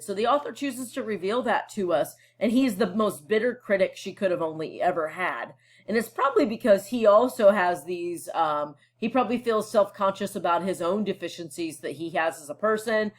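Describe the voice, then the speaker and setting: An expressive woman with a medium-pitched voice reads a novel to her students at normal speed. As a teacher, she explains the text in a chatty, informal manner, peppered with fillers and regular check-ins with the class.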